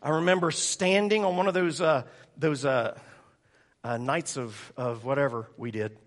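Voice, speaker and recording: A man preaches a lively sermon, breaking into laughter as he tells funny stories. His voice sits a little high for a man, and he keeps a loose, joking tone with the congregation. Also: moderate pace. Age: 40s. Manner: joking, storytelling, laughing often. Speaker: pastor.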